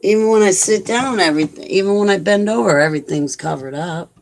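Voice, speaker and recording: A woman's voice: medium pitch, fast talker, a little hiss or hum. A woman in her forties chatting casually to her viewers, rambling and joking about herself with lots of "like"s. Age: 40s. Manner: chatty and self-mocking, rambling with many "like"s. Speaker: vlogger talking to viewers. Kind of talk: casual chat reading live comments.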